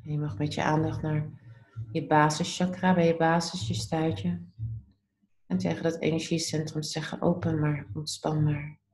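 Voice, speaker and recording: A woman leading a guided meditation in a calm, soothing, gently instructive way. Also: low voice, moderate pace, reverberant, low-quality recording.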